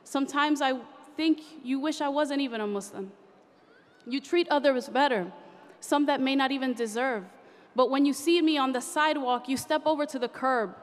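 A spoken word poet with a high-pitched voice recites a poem at normal speed on a large convention hall stage, her delivery rhythmic, impassioned and rhyming. She speaks into a podium microphone, and the hall is reverberant.

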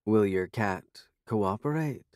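A man voicing an earnest, gentle young woman who speaks softly, slowly and matter-of-factly. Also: lowish voice, lively intonation, no echo, clean studio sound. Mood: calm. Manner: soft, slow, matter-of-fact.

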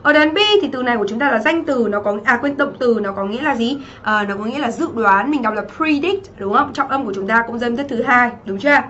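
A woman English teacher from Vietnam going over exam answers in a livestream, lively and often checking that students follow. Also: on the high side, fast talker, few pauses, muffled recording, slight background noise. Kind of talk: livestream exam review lesson.

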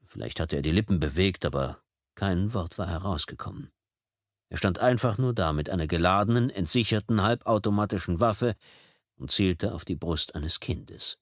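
A man with a fairly low voice reading a thriller audiobook with tense, dramatic storytelling. The studio microphone is close and the sound is dry, with no room to speak of. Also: normal speed, no echo. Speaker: audiobook narrator. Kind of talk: scripted audiobook narration.

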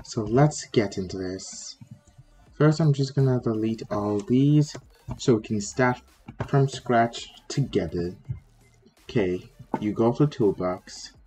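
A man's voice: fairly low pitch, lively intonation, takes it slowly, mellow, faint music behind. A man hosting a casual coding tutorial, talking step by step while sick with a sore throat. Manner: chatty, step-by-step, with frequent "like" fillers. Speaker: tutorial host.

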